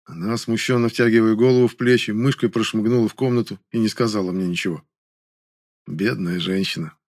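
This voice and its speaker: A man calmly narrating an audiobook in the first person, in a measured way. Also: fairly low pitch, no room sound, clean studio sound.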